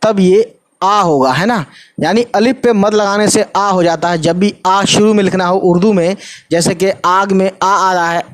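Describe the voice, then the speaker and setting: एक पुरुष उर्दू शिक्षक, आराम से समझाते हुए पाठ पढ़ाता है और बार-बार "ठीक है" कहता है, बीच-बीच में अंग्रेज़ी शब्द मिलाता है।. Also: male voice, high-pitched, normal speed. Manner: repeats "ठीक है" often, mixes English words. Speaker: Urdu teacher. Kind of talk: casual explanatory lesson.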